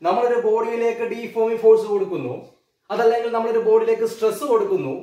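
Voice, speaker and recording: High-voiced Malayali physics teacher. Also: male voice, mellow. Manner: keeps asking students questions, calls them children; repeats key terms slowly. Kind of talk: classroom lecture. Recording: echoey room, mic a bit distant.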